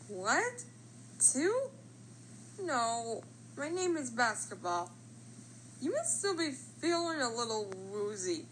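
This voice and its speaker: A woman plays a caring cartoon basketball who explains things in a reassuring way. The delivery is very slow in a high voice, with some noise in the background. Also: fairly bright tone, exaggerated voice, rough recording. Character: concerned, helpful talking cartoon basketball. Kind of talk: cartoon character voice lines.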